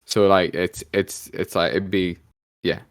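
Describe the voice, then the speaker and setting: A man with a low, smooth, resonant voice chats loosely on a football podcast, stumbling and restarting his sentences as he goes. The sound is close and dry, with no room around it. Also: steady tone, no room sound. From Ireland. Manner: halting, many restarts. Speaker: podcast co-host. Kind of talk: casual chat.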